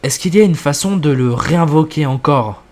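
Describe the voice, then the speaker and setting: A man's voice: a little high, expressive, normal speed, a little mellow, close to an everyday voice. A man reading the lines of a frightened male doctor who asks tense, hesitant questions in a scripted horror story. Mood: anxious. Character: frightened male doctor, the first-person narrator.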